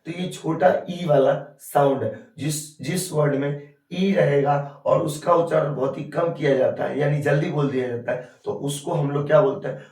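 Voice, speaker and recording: A man's voice: a little high, steady tone, moderate pace, a little mellow. A male English grammar teacher giving a lesson, often asking a question and then answering it himself. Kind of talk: classroom lesson. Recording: echoey room from far off.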